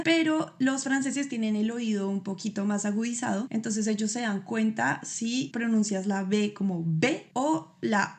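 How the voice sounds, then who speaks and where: A woman whose first language is Spanish gives a casual spoken lesson on pronunciation, patiently explaining step by step and demonstrating each sound slowly. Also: on the high side. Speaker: amateur French teacher.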